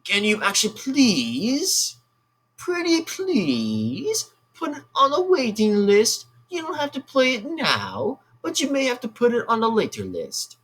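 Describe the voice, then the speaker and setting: A man's voice: very high voice, huge pitch swings, measured pace, fairly bright tone, slightly rough, pitched above the performer's own voice, heavily acted. A man putting on a polite British customer. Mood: pleading politely. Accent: British, put on. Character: overly polite adult customer with a put-on British accent.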